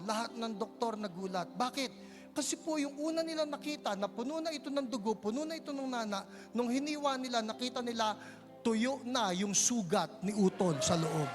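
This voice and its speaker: A Filipino man preaching an animated sermon, telling a story and acting out voices and laughter, with shouts of praise. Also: very high voice. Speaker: pastor. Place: large conference hall. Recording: hall reverb with faint music.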